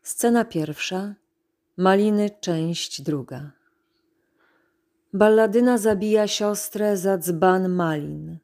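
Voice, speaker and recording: A woman narrator reading a scene summary and cast list in a measured, announcing way. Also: mid-range voice, darkish tone.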